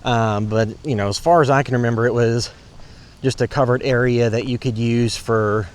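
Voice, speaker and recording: A man's voice: medium pitch, steady tone, normal speed. A man narrating casually and unscripted as he explores, in a hesitant, rambling, matter-of-fact way. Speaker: vlogger exploring a park. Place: outdoors in a park. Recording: clear outdoor ambient noise. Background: outdoor ambience, road noise.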